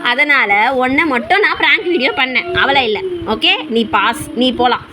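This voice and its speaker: A woman in her thirties, a mother, scolding her children with rapid repeated questions during a casual home prank video. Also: high-pitched, animated, noisy background.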